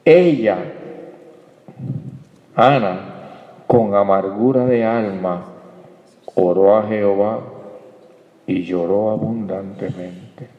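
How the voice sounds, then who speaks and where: A man's voice: lowish voice, slow pace, long pauses. A man preaching a sermon on scripture, emphatic, asking rhetorical questions and calling his listeners brother. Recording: echoey hall, dull sound.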